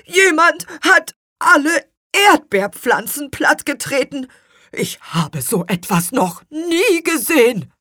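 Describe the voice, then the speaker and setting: A woman puts on a small, furious apple man from a storybook, leader of his kind. He scolds in a high, jumpy voice that swoops up and down. He is outraged and keeps complaining. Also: takes it slowly, dry recording, studio quality, heavily acted. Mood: indignant. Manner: scolding, excited. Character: indignant little male apple man, chief of his kind.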